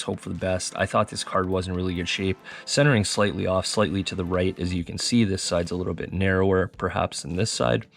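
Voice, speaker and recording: A man hosting a casual card-review vlog, chatting with viewers in a relaxed way with a radio-like voice. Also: sits low. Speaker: sports card collector and channel host.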